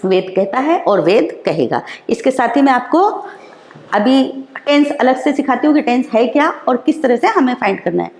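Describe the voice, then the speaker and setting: A woman teacher, explaining slowly and repeating each example in an online class lesson. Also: a little high, animated, a little mellow. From India. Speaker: school teacher. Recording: roomy echo.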